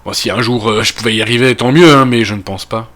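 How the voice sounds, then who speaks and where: A man's voice: mid-range voice, quick pace, fairly bright tone. A man from Belgium with a Belgian French accent, getting over a cold, talking through a video game in casual commentary full of fillers and trailing asides. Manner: thinking aloud, many fillers and trailing asides. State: recovering from a cold. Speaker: gaming video creator.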